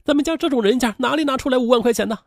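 A man's voice: extremely high pitch, very fast, creaky, no echo, clean studio sound, pitched above the performer's own voice, heavily acted. A man voicing a desperate rural woman who scolds her brother in a raised voice. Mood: scolding. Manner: scolding, then pleading.

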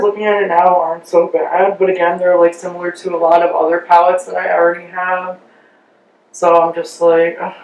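A woman's voice: on the low side, a little mellow, far from the mic, a little hiss or hum. Chatty woman in a sheet face mask. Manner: chatty, rambling, trails off. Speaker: beauty vlogger. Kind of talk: casual chat reviewing makeup. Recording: echoey room, mic set back.

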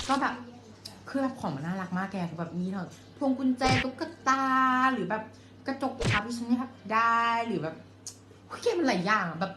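A playful young woman chats her way through a casual home Q&A vlog, her pitch bouncing up and down as she reads comments. The sound is roomy, with a faint hiss of noise behind her. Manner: chatty, playful, swears and laughs. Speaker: vlogger.

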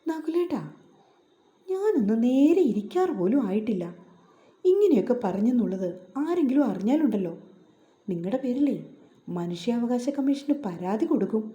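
A woman's voice: fairly high pitch, sing-song, normal speed, pauses often, dark tone, muffled recording. A woman reading as a playful scolding young mother. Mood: teasing scold. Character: young new mother, teasing and scolding wife. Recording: roomy echo.

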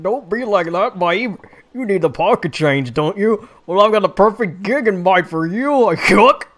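A woman's voice: medium pitch, animated, normal speed, close to an everyday voice. A woman voicing a pushy, sleazy street scout in a game, in a smarmy way.

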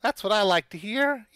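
A streamer voicing a tiny, excitable skeleton merchant from a video game, giggling and exclaiming in a skeleton voice. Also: high-pitched, smooth, no echo, clean studio sound, voice pushed up, heavily acted.

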